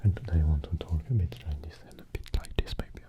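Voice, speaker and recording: This ASMR channel host talks to his viewers slowly and with pauses, mostly in a soft, unvoiced whisper that moves nearer and farther from the close mic. His voice rumbles low.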